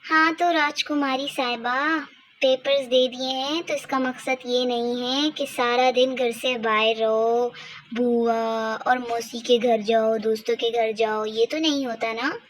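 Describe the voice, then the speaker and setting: A woman's voice: a little high, fairly even intonation, slow pace, a little hiss or hum. Woman doing a strict lecturing mother. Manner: lecturing, firm. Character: strict, worried mother of a teenage girl. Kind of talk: doll-play storytelling.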